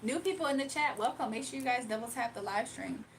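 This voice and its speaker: A woman chats casually on a live stream from her phone, speaking fast in a fairly high voice with a little hiss or hum present. She reads viewer comments aloud and laughs a lot.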